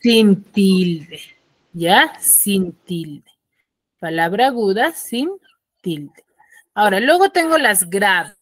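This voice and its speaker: Speaking at a medium pitch with plenty of animation, this woman teaches secondary school languages online, her dry recording coming through a computer mic on a video call. Patient and explanatory, she keeps asking short questions to make sure her students understand.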